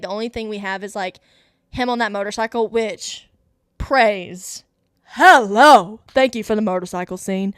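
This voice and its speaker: On her own show, a woman host gushes about a movie in a casual, chatty review full of fillers, like an enthusiastic fan. Her voice is medium-pitched, smooth, and fairly bright. The recording is dry and studio quality.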